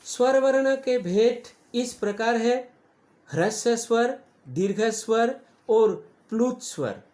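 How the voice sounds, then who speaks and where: Here a teacher goes slowly through grammar with children, naming letters one by one and lengthening sounds to illustrate duration. Pitched in the middle, the delivery is animated and slightly mellow.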